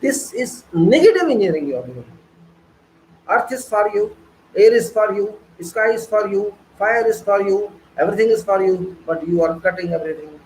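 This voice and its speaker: A man with a high-set voice lectures on engineering in an online class. He preaches more than he explains, firing off rhetorical questions and repeating key phrases for emphasis. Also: a little mellow, reverberant, slight background noise, rough recording.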